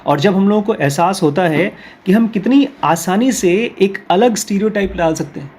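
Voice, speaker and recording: A man with a somewhat high, husky voice gives an explanatory talk, mixing Hindi with English phrases. He reads English sentences out slowly, then unpacks them in Hindi with everyday examples and little role-plays. The tone is that of a patient course teacher. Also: expressive, a little mellow.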